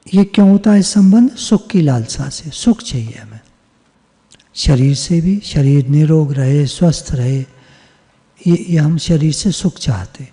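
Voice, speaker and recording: A man speaking slowly in a dark, mellow, husky voice, delivering a devotional discourse on scripture. He teaches in a measured way, repeating phrases and posing questions that he answers himself. The video call audio carries a long, reverberant tail. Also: on the high side, lively intonation. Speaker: spiritual teacher.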